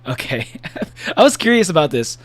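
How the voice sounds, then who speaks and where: A man with a slightly high, very animated voice talks at a normal speed while live-streaming a game. He chats casually with viewers, rambling, restarting often, filling gaps with fillers, and laughing a lot.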